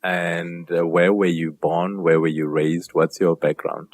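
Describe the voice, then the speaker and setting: A man hosting an interview podcast from a studio, asking questions in a measured, courteous way. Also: deep voice, little pitch movement, no room sound. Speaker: podcast host.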